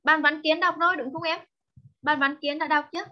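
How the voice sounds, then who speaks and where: A woman with a Vietnamese accent teaching English online, drilling each word slowly and repeating it many times while switching between English and Vietnamese. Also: high voice, steady tone, muffled recording. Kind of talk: slow drilling of vocabulary for young learners.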